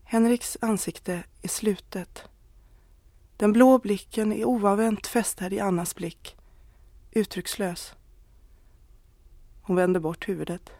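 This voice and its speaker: A woman narrating an audiobook in a measured, quiet manner. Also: mid-range voice, dry recording.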